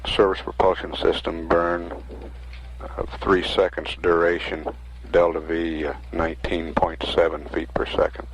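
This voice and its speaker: An American man giving measured, matter-of-fact mission status commentary as a mission control announcer. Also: low voice, flat delivery. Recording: faintly noisy 1960s archive broadcast audio.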